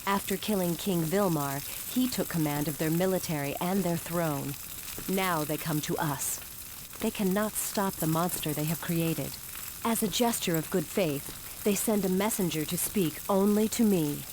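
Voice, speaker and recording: An actress playing a grave, resolute warrior queen weary of war, narrating a game cutscene in a solemn, measured, regal manner. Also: lowish voice, noisy background, lightly acted. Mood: determined.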